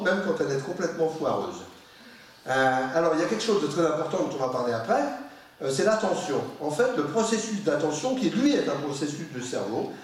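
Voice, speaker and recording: A man giving an informal public science lecture, lively and chatty, with asides and quiet muttering to himself. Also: fairly high pitch. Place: large public lecture room. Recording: very echoey hall, voice picked up from far.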